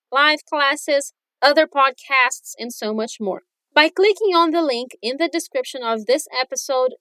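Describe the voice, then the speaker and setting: Casting High-pitched woman podcast teacher, clear and encouraging, dry close sound. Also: fairly bright tone, no room sound. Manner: clear, upbeat teacher modeling phrases for repetition. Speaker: English teacher, podcast host. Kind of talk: bilingual language lesson podcast. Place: lives in New Zealand.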